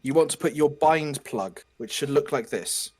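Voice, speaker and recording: Man giving halting build instructions. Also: on the high side, darkish tone, slight background noise. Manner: halting, restarts often while explaining. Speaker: robot builder guiding a teammate. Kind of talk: casual step-by-step instructions over a video call.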